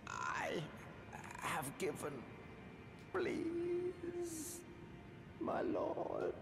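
An actor voicing a smooth, melodious, sweet-talking male cult recruiter in a video game. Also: very high-pitched, wildly swooping pitch, extremely slow, noisy background, full character voice. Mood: pleading. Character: honeyed, silky-voiced male cult recruiter.

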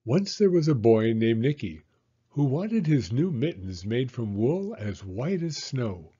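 Expressive male storyteller, mellow and slightly husky. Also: medium pitch, measured pace, lo-fi sound. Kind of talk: children's picture book read-aloud.

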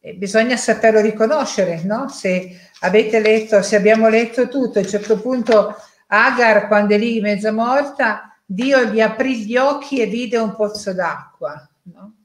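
A woman's voice: on the high side, moderate pace. An Italian woman sharing a casual, thoughtful reflection on scripture, hesitant with fillers and tag questions. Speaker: parishioner sharing a Bible reflection. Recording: echoey room.

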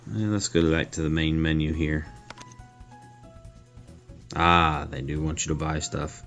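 A man with a very deep voice narrates his own mobile gameplay in a casual, chatty review. He thinks aloud and pokes fun at his own missed casts. Faint game music plays behind him. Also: fairly even intonation, unhurried, a bit bright.

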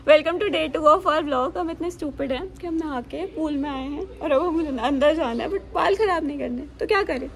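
A woman's voice: sits high, moderate pace. A young woman chatting casually and jokingly to her phone camera while travelling, laughing through exaggerated complaints. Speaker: vlogger. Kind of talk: casual travel vlog chat. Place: outdoors in busy tourist spots. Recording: phone audio with crowd and traffic noise. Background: crowd chatter and passing vehicles.

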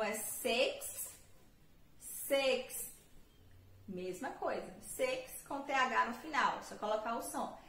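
A woman's voice: on the high side, fairly bright tone, reverberant. A Brazilian woman teaching English online, patiently drilling words and repeating them for practice. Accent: Brazilian Portuguese. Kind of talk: online language lesson.

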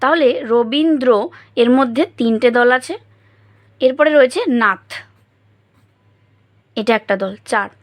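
A woman with a high, light voice teaches schoolchildren a grammar lesson at a measured pace, pausing often. She explains patiently, one step at a time, splitting words into syllables as she pronounces them.

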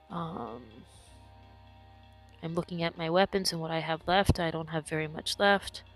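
Commentating her own gameplay, a woman explains her moves and talks through each decision, though she's sick and losing her voice. It comes out hoarse, lowish, and a bit bright.

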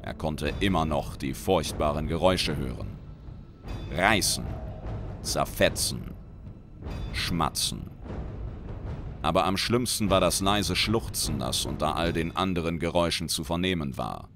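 Deep-voiced male narrator, dramatic measured read, music bed. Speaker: reader and lore commentator. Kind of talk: reading a fantasy short story aloud. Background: background music.

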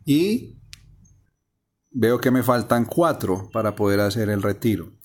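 Calm man explaining a phone game. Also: on the low side, measured pace. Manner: explains step by step, calm and methodical. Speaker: gameplay narrator. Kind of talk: casual screen-recording walkthrough. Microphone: voice-over on a phone screen recording.

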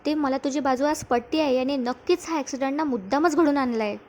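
A woman's voice: sits high, fast talker, darkish tone, a little hiss or hum, close to an everyday voice. A woman reading as an overdramatic young wife. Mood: dramatic worry. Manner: pleading, overdramatic. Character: young married woman, plotting and dramatic.

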